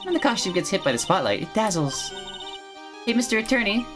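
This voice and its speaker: A woman's voice: medium pitch, big pitch swings, brisk, voice pushed up, natural voice. A woman voicing an innocent, childlike, cheerful young female animal tamer in a playful, girlish way for a video game playthrough. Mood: pouty, eager. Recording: background music behind the voice.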